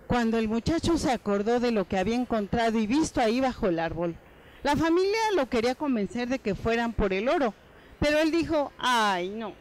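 A woman telling a folk tale aloud as a guest on an educational program, slowing down for dialogue and dwelling on vivid words. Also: on the high side, poor audio. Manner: expressive, slows down for dialogue and drawn-out words. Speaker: storyteller guest. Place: educational TV studio.

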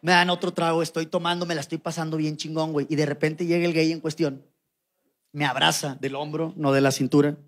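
A young man with a Mexican Spanish accent telling a comic story on stage, slangy and animated, now and then mimicking the people in it. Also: a little high, fairly quick. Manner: slangy, animated, mimics voices in quoted lines. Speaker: stand-up comedian. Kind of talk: stand-up storytelling. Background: audience laughter.

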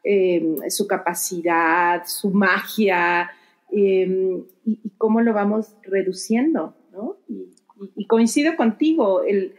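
A woman's voice: medium pitch, slow pace. Thoughtful woman podcast host. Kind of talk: casual podcast conversation.

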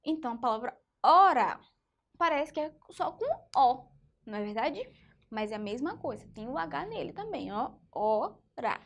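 High, lively Brazilian teacher. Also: female voice, normal speed, creaky. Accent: Brazilian Portuguese. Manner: patient, checks in with "tá vendo?" and "certinho?". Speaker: primary school teacher. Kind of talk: children's phonics lesson.

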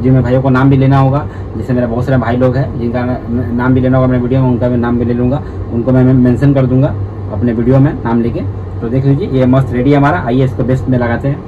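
A man hosting a casual hookah how-to, talking in a repetitive, chatty way and addressing viewers as brothers. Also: medium pitch. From India. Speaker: hookah tutorial host. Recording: distant, dull audio with background noise.

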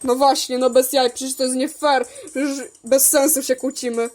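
Woman doing all the toy voices, high and shrill, faint music underneath. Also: level tone, moderate pace. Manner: switches between shrill squabbling voices and low quiet ones. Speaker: toy video creator voicing all figures. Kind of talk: toy role-play voicing many characters.

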